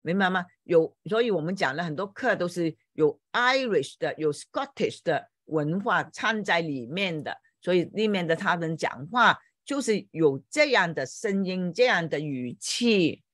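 A woman's voice: on the low side, dry recording, clean studio sound. A woman volunteer teacher giving an online English lesson in Chinese, explaining patiently, repeating words and spelling them out letter by letter. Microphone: computer mic on a video call.

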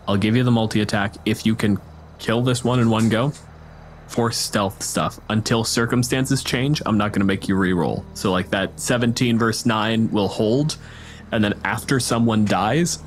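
With a lowish voice, a man narrates a tabletop role-playing session as game master, choosing vivid, dramatic wording. Background music runs under his speech, along with slight background noise.

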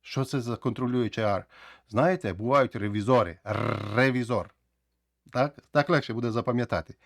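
A man teaching English pronunciation, lively, who says words slowly and repeats them often. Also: medium pitch, dry recording. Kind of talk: explaining pronunciation rules.

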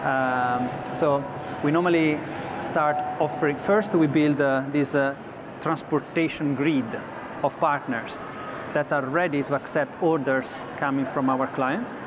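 A man's voice: on the high side, fairly even intonation, a little slow. A man in his thirties, an executive guest interviewed at a trade show studio set, speaking thoughtfully with frequent restarts and fillers. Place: broadcast studio set on a convention floor. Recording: slightly dull audio with clear background noise.

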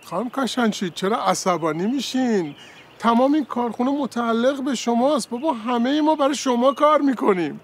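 A fawning, evasive factory manager. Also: male voice, very high-pitched, a little hiss or hum. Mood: placating. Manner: flattering, apologetic, rambling excuses. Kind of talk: TV comedy series acting.

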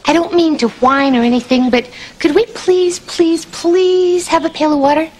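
A woman's voice: extremely high pitch, normal speed, a little mellow. An actress playing a bossy young travelling woman in a TV musical comedy, ordering her companion about in a dry way. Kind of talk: live-action TV musical comedy acting.

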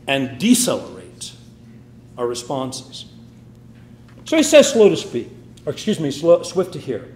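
A man's voice: high-pitched, a little mellow, roomy sound. A man preaching a sermon with emphatic, swinging delivery. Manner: emphatic, rising and falling delivery.

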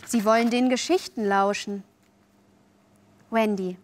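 A woman's voice: mid-range voice, steady tone, unhurried, lightly acted. A woman voicing a cocky, sly boy who coaxes and boasts. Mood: coaxing. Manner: boastful, coaxing, offhand.

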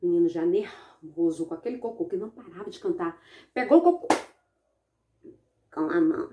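A woman with a Brazilian accent telling a children's story in an expressive, animated way. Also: lowish voice, fairly quick, dull audio, background noise. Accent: Brazilian Portuguese. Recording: echoey room.

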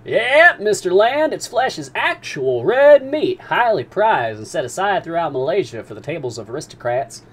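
A stern sea captain with a raised, forceful voice, formal and commanding, as a man voices him in a story reading. He is aloof and speaks as one used to being obeyed. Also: high voice, big pitch swings, moderate pace, hardly any pauses, voice pushed up, exaggerated voice. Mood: explaining.

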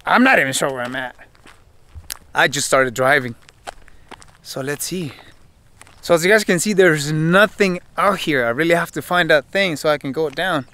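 This young man, in his twenties, wanders an open hillside with brush and narrates a casual vlog, thinking aloud and talking directly to the audience through a handheld camera at arm's length. His slightly high voice has a sharp tone, with moderate pacing and frequent pauses.

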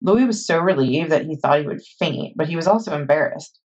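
Woman, storytime read-aloud, husky voice, dull lo-fi recording. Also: sits low, expressive, a little fast, a little mellow. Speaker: children's librarian reading a chapter book.

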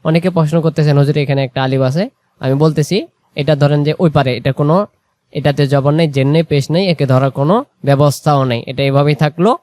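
A man teaching Quran reading, drawing out example words slowly and then explaining quickly, asking and answering his own questions. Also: on the high side, a little mellow. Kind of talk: explanatory lesson.

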